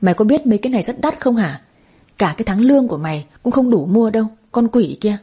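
A spiteful middle-aged mother-in-law with a sharp, insulting tongue, as a woman storyteller puts her on. The voice is warm and low-toned, a little husky, even as she scolds. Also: fast. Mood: scornful scolding.

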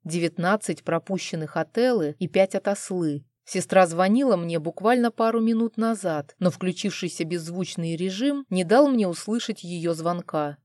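A woman's voice: fairly low pitch, normal speed, few pauses, a little mellow, no echo. A woman narrating a romance novel in the first person with a dramatic, emotional reading. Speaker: audiobook narrator.

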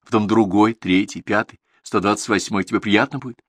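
A man reading an audiobook, voicing a calm, matter-of-fact young woman who answers plainly and evenly. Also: on the low side, a little fast, husky, no echo, clean studio sound. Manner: plain, level, shrugging.

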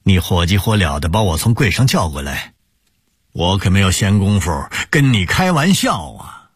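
A man's voice: low voice, very animated, normal speed, husky, dry recording, clean studio sound, full character voice. A man voicing a jovial, doting middle-aged shopkeeper father. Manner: hearty, doting.

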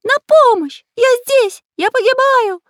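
A woman's voice: very high-pitched, animated, measured pace, no room sound, clean studio sound, voice pushed up. A woman voicing a sneaky male parrot who screeches shrilly for help. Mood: shrieking.

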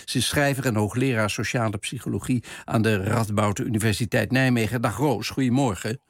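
A male radio host giving measured, reflective scripted commentary from a studio microphone. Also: fairly low pitch, fairly even intonation, slightly rough, no echo.

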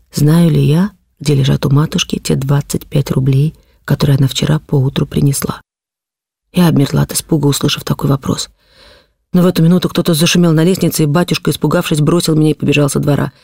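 A woman's voice: low voice, fairly even intonation, fast talker, vocal fry, dark tone, slightly rough, dry recording, studio quality. A woman reading a classic novel aloud as an audiobook, narrating in the first person with feeling.

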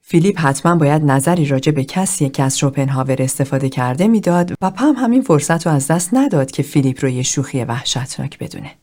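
Woman reading an audiobook, low voice but lively melody, calm storytelling. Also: few pauses. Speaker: audiobook reader. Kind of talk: scripted narration.

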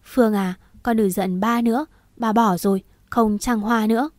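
Brief: woman voicing a contrite middle-aged dad, soft and pleading, mellow tone. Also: on the high side, steady tone, normal speed, dry recording, clean studio sound, lightly acted. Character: remorseful middle-aged father pleading with daughter.

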